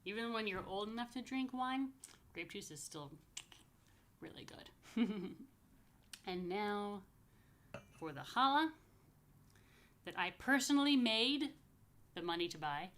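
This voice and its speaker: This woman rabbi talks slowly in a mid-range, fairly bright voice with lively intonation, pausing often, and a little hiss or hum is audible. She's leading a casual children's story time in an apartment, explaining simply and repeatedly with playful, chatty asides and offering blessings along the way.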